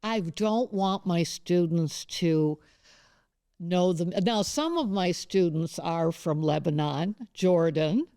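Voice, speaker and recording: A woman's voice: on the low side, slow, dark tone, clean tone, no room sound, clean studio sound. A woman professor interviewing a colleague, talking in a rambling, conversational way with many asides. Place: campus studio.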